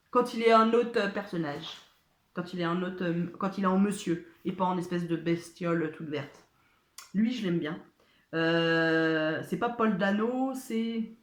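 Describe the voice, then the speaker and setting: A woman chatting casually as she answers viewer questions, hesitant, with many fillers and restarts. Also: mid-range voice. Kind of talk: casual chat. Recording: echoey room.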